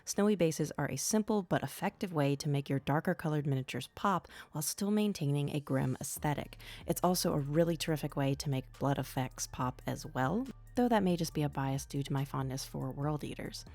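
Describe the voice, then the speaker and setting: Tutorial host: low-voiced woman, hoarse from a cold, speaking softly and calmly. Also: fairly quick, hardly any pauses. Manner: soft, low-volume delivery. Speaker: miniature painting tutorial host. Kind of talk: hobby tutorial voice-over.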